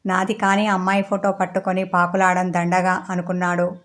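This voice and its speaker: A woman storyteller reading a romance story aloud in a steady, even way. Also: lowish voice, fairly quick.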